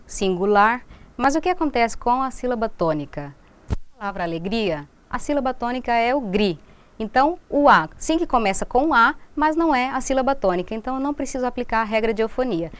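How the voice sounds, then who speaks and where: A Brazilian woman with a Minas Gerais accent, a Spanish teacher explaining grammar rules in a recorded lesson and slowing down to read the example phrases. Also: a little high, clear, resonant tone. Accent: Brazilian Portuguese, from Minas Gerais.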